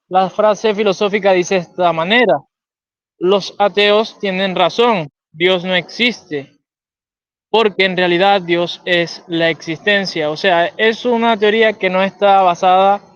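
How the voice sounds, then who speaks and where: Venezuelan man explaining in a high voice. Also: a bit bright, smooth, dry recording, highs cut off. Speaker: guest. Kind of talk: conversational philosophical discussion.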